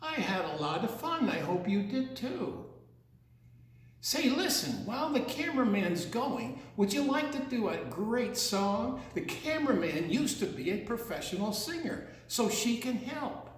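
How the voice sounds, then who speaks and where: This man's voice is very high-pitched and swings widely in pitch, moving a little slowly. He performs a playful, theatrical storytime for kids, drawing out words with asides and sound imitations, all in a very echoey room.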